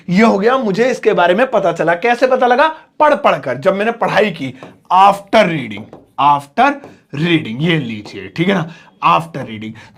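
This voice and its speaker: A man with a Hindi accent, pitched high, teaching a spoken English class. He explains each phrase step by step and stretches the English words out slowly so learners can follow.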